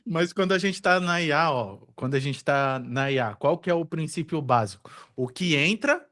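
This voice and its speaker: A man's voice: fairly high pitch, moderate pace, a bit bright. A man with a Brazilian accent working as a video editor, talking hesitantly with lots of fillers and a defensive tone. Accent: Brazilian Portuguese. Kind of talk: casual work conversation.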